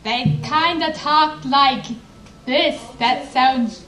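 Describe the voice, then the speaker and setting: A woman's voice: high-pitched, very animated, moderate pace. A woman playing a prim, indignant young English man on a convention panel, flustered and huffy. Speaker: cosplay panelist. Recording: echoey hall from far off.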